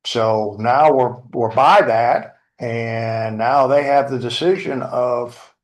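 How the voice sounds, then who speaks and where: A man questioning witnesses as a lawyer in court, phrasing things informally and haltingly. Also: medium pitch. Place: indoor courtroom.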